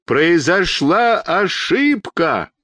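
A well-meaning children's doctor at his wits' end, as a man reading a storybook plays him. He shouts his pleas in a raised, strained voice with big rises and falls. The recording is close and dry. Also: high voice, very animated, extremely slow, no echo, voice pushed up, full character voice. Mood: desperate. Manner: shouting, pleading.

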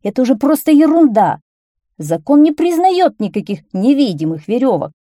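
A woman's voice: high voice, animated, moderate pace, mellow, no echo, clean studio sound, pitched above the performer's own voice. A woman voicing an irritated male policeman who speaks sternly. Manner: stern, dismissive.

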